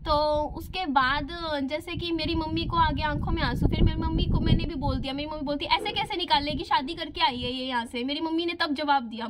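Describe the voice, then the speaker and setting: A woman with a high, light voice tells her own story to the camera, candid and emotional. Her speech is casual and heartfelt. Clear background noise sits under her voice throughout. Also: fairly bright tone, rough recording. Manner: emotional, candid retelling of family conflict. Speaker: vlogger. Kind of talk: personal storytelling vlog.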